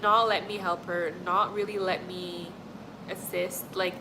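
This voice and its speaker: In a fairly low, flat voice at a measured pace, a chatty young Montreal woman talks casually with her livestream's live chat. She's from Montreal, Canada, rambles, and frequently says "like" and "honestly." The background is noisy.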